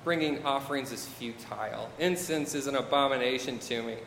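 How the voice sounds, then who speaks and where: A man's voice: medium pitch, fairly quick, vocal fry, a bit bright, a little hiss or hum. Preacher man in a reverberant hall. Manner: paraphrases scripture with wry modern asides. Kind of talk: sermon. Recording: echoey hall with long reverb, faint ambience.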